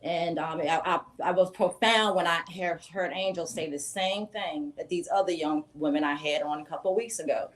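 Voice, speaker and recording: A woman's voice: lowish voice, normal speed, few pauses, low-quality recording. Outspoken woman. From rural American South. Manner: emphatic, outspoken. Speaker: talk show guest. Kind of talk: opinionated casual panel talk.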